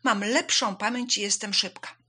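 A woman voicing a confident, quick female zebra who speaks boldly and earnestly. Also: medium pitch, pushed and bright, husky.

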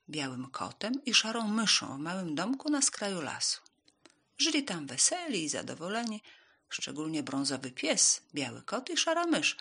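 Animated woman reading a fairy tale. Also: mid-range voice, slightly rough. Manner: animated, expressive storytelling. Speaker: storyteller.

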